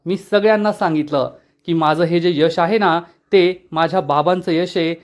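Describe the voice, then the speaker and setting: A man voicing an eager young woman from a TV serial, speaking in an excited, earnest way. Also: fairly high pitch, normal speed, lightly acted.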